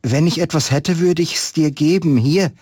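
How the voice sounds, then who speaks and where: Man voicing a shy ragged boy, stammers, pitched well above his own dry low voice. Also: moderate pace, a little mellow, slightly rough, dry recording. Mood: scared. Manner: stammering, timid. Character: frightened ragged little boy.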